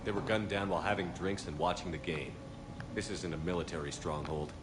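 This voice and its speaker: A man plays a grim video game soldier with a very deep voice, speaking gravely in short, clipped lines. Steady ambient noise from the game sits behind him. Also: fairly quick, lightly acted. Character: grim male soldier angered by civilian deaths. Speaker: game character. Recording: game audio with clear background ambience.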